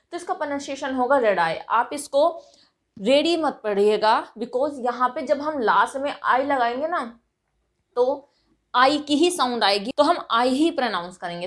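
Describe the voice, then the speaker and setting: Casting: Indian woman grammar teacher, high voice, patient explainer who keeps checking students follow. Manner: explains patiently, often checks in with "right" and "okay". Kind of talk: exam-prep grammar lesson.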